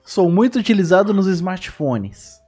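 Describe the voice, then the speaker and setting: A man's voice: sits high, big pitch swings, unhurried, darkish tone, slightly rough. A man hosting a casual podcast quiz game, reading clues aloud in a playful, teasing way. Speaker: quiz host.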